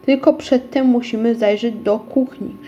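A woman's voice: fairly even intonation, moderate pace, dark tone, highs cut off, slight background noise, lightly acted. Woman doing a curious, timid little girl. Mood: content. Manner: high, surprised and questioning. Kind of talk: storybook reading.

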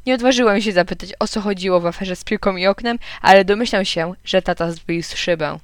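A woman reading a children's audiobook aloud, telling the story as a young boy, in a lively storytelling manner. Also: mid-range voice, brisk, clean tone, no echo, studio quality. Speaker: audiobook reader.

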